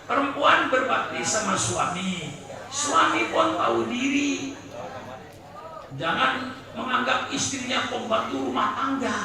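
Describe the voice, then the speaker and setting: A man's voice: extremely high pitch, slow, gravelly. A man preaching a humorous sermon to a live congregation, joking, asking the crowd for agreement and acting out household exchanges. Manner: jokey, asks the crowd for agreement, acts out short household exchanges. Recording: very echoey hall, voice far from the mic, crowd audible.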